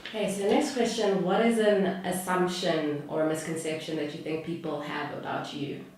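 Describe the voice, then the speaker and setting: A woman's voice: lowish voice, little pitch movement, moderate pace, a little mellow, a little hiss or hum. South African woman interviewer, playful, heard from across a very echoey room. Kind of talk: casual interview. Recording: very echoey room, speaking from far off.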